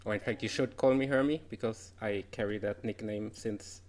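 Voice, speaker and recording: Chatty and peppered with "uh" fillers and light laughs, this German man's informal conference talk covers his career in game development. His voice is fairly low and darkish, with a steady tone and moderate pace.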